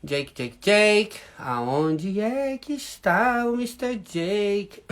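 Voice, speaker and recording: Speaking extremely slowly in a high voice, a Brazilian man with a Brazilian Portuguese accent hosts a casual live stream from his home in the UK. Chatty and animated, he talks with viewers in Portuguese and accented English, calling them "gente".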